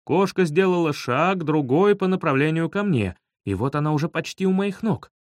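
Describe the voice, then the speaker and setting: A man narrating a humorous children's story in an expressive storytelling manner. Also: a little high, moderate pace, no room sound, clean studio sound. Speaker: audiobook narrator.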